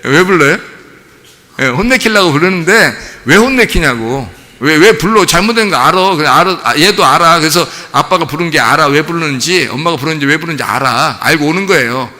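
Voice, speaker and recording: A man preaching a sermon as pastor in a church, lively and conversational, acting out little scenes as he goes. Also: on the high side, brisk. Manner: animated preaching, acting out a parent and child with laughs. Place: church sanctuary. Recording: long reverb of a church hall.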